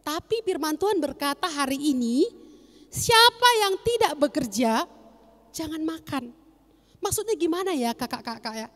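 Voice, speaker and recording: Young woman doing sunday school for kids, high voice, asks then answers herself, echoey reverb. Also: moderate pace. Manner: animated, asks children questions and answers them herself. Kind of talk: children's Sunday school lesson.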